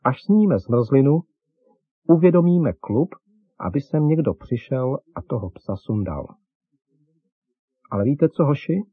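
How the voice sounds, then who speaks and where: A man's voice: medium pitch, animated, long pauses, slightly rough, dry recording. Man doing a kind, teaching father. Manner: warm, kindly, instructive. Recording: dull lo-fi dry recording.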